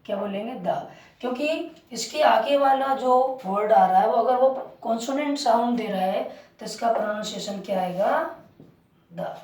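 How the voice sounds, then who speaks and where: A woman teaching English grammar in a classroom-style lesson, with an Indian English accent, dictating phrases slowly and quizzing with rhetorical questions. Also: on the high side, a little mellow, distant mic. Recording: echoey room, voice from off the mic.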